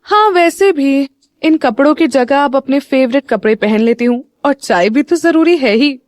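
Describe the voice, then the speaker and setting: A woman's voice: fairly high pitch, unhurried, a little mellow, no echo, clean studio sound, close to an everyday voice. Bubbly young woman, voiced by a female narrator. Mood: cheerful. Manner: bubbly and teasing, earnest when alone. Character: cheerful playful young woman, devoted sister.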